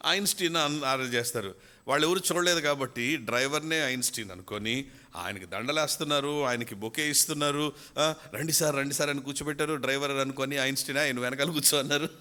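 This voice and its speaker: Bright-voiced male preacher telling a story. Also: mid-range voice. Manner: animated storyteller, acts out quotes. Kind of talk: sermon with storytelling. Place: church youth retreat.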